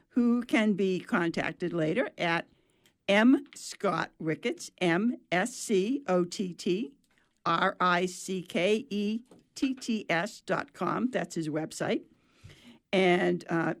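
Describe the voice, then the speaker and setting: A woman from Maine with a New England accent, hosting a casual radio talk show and chatting with guests, laughing easily. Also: medium pitch. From Maine, USA. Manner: chatty, laughs often, quick asides.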